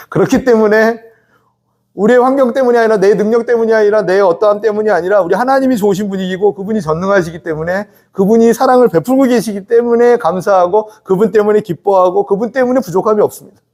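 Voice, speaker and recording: A man with a voice that sits high and a little mellow preaches on Sunday in a church sanctuary. As pastor, he takes a conversational, interactive approach, regularly prompting the congregation to reply, and acts out the father and his sons through quoted speech.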